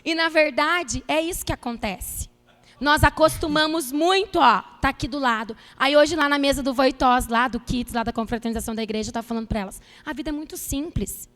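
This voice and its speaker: Woman, pastor, sermon to couples, lively storytelling, high voice, long church reverb. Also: a little fast. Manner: lively storytelling with quoted dialogue.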